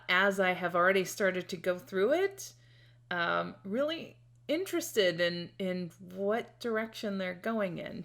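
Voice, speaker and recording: A woman's voice: mid-range voice, creaky, fairly bright tone. A woman hosting a casual video review, chatty and rambling, restarting sentences and laughing as she talks. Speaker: series reaction host.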